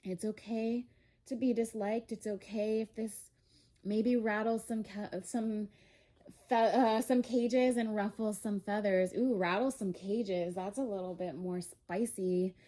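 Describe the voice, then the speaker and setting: A woman talks through a spiritual reading at an unhurried pace, her tone warm and mellow. She rambles with frequent fillers and grows openly emotional as she speaks. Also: medium pitch, fairly even intonation. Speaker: tarot reader.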